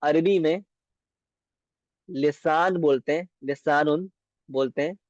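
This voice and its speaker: Slow, patient male language teacher. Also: fairly high pitch, darkish tone, dry recording, muffled recording. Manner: patient, repeats words slowly and checks understanding. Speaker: Arabic teacher. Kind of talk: beginner language lesson.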